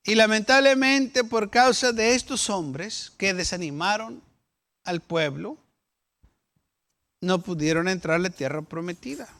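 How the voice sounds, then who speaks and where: A man's voice: sits high, expressive, a little slow, pushed and bright. A man preaching a sermon as a pastor, arguing through questions and acting out the complaining people's voices. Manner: acts out the doubting people's voices with questions and rebuttals.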